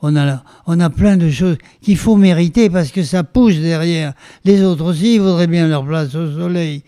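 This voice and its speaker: An older man from France, a veteran stage performer telling his life story in an interview, theatrical and animated with frequent restarts. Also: on the high side, moderate pace, no echo.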